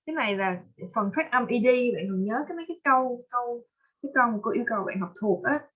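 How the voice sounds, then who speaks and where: A woman teaching English pronunciation with a Vietnamese accent, patiently drilling words and repeating them slowly. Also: fairly high pitch, animated, lo-fi sound. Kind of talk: online pronunciation lesson.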